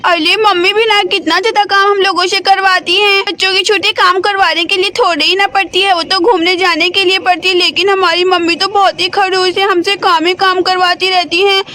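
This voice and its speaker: A woman's voice: very high-pitched, level tone, brisk, few pauses, bright, forceful tone. A woman voicing a sulky, grumbling teenage girl in a doll story. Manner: grumbling, whiny.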